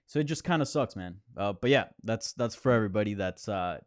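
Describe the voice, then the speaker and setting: Low-voiced man rambling through viewer questions. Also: animated, brisk, no room sound, studio quality. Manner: rambling, many restarts and fillers; conversational, answering viewer questions. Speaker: host. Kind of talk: live Q&A stream. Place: apartment near a hospital.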